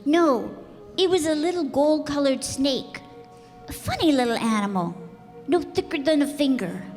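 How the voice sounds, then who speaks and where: A woman's voice: high-pitched, expressive, normal speed, darkish tone. A woman playing an earnest, curious little boy prince from another planet in a radio play, persistently asking questions. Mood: earnest, frank. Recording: echoey hall, music behind.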